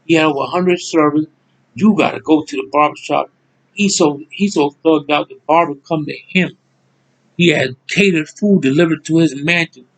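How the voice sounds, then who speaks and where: A man's voice: on the high side, creaky, rough recording. A man, ranting angrily to his viewers in a repetitive monologue, cursing as he goes. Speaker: channel host. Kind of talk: angry monologue to camera.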